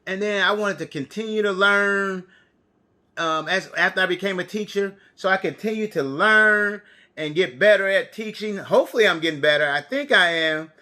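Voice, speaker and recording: A man's voice: high-pitched, normal speed, pushed and bright. An American man teaching young children, talking as if reading to a toddler, with simple questions and repeated phrases. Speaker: preschool and kindergarten teacher. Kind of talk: children's TV lesson, storytelling and counting.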